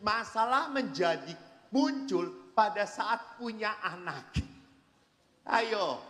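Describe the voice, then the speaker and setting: Animated priest in an echoing hall. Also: male voice, high-pitched. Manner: animated storyteller, acts out quoted voices, jokes with the audience. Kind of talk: humorous seminar talk. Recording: reverberant hall.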